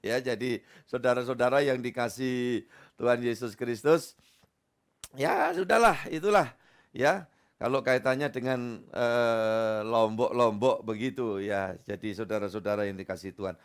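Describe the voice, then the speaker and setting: A man's voice: mid-range voice, steady tone, moderate pace, clean tone. A middle-aged male pastor, preaching a humorous, conversational sermon full of asides to the congregation. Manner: chatty, joking, peppered with asides to the congregation.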